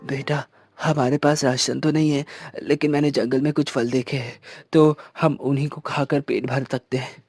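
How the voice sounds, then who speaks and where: A man's voice: mid-range voice, level tone, moderate pace, darkish tone, slightly rough, no echo, studio quality, soft background music. A man voicing a humble, weary young village father who talks earnestly.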